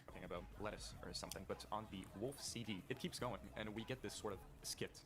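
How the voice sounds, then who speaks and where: A man narrating a scripted album review in a casual, brisk way with frequent filler pauses. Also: lowish voice, background noise. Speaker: video essay narrator.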